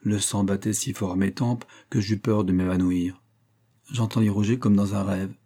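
A man giving a steady, measured reading of a crime novel as an audiobook narrator. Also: on the low side.

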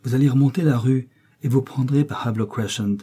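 A man reading a storybook, voicing an anxious older woman, the scientist's wife, in a fretful, hushed way. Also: medium pitch, fairly quick, slightly rough, close to an everyday voice.

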